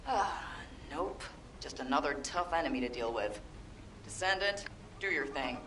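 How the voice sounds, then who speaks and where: An actress playing a brisk, tough female field operative who gives mission orders in a game. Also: sits low, lively intonation, far from the mic, background noise. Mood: commanding. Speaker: mission guide. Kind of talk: game dialogue. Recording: roomy game audio from afar, music.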